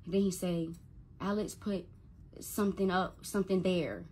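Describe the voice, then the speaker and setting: A woman's voice: fairly low pitch, fairly even intonation, normal speed, a little mellow, a little hiss or hum. A young woman telling an emotional personal story to the camera as a mother, stuttering and repeating words when she gets upset.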